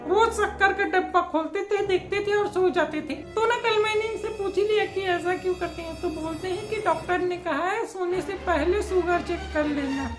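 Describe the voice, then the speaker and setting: A woman doing a very high, shrill mum with a sharp tongue, teasing and scolding as she goes. Her voice rings in a roomy space, with music playing behind. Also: moderate pace, hardly any pauses. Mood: mocking. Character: sharp-tongued mocking wife and mother. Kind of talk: comedy sketch. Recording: roomy room with background music.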